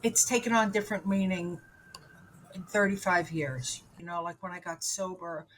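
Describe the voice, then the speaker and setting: A woman in her seventies from New York, with a fairly low, fairly bright voice, even intonation and normal speed, tells her own story as an interview guest. She's candid and rambling, with many fillers and restarts, on a rough recording with a little hiss or hum.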